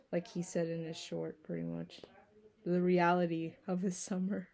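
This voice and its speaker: A woman's voice: fairly low pitch, a little mellow. A sleepy young woman vlogging casually, rambling with lots of fillers and yawns. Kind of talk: casual vlog talk.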